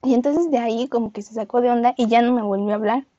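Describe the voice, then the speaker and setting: A woman's voice: fairly high pitch, fast, dark tone, dry recording, dull audio. A young woman co-hosting a podcast, telling a personal story in casual chat, laughing often and acting out voices. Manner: laughs often, acts out voices in her anecdotes. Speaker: podcast co-host.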